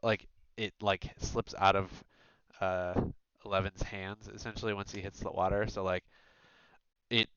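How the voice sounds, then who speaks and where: A man runs a tabletop game, narrating in a smooth, resonant, low voice with loose, rambling fillers. The mic is dry and close but dull and lo-fi. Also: a bit bright, no room sound. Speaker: game master.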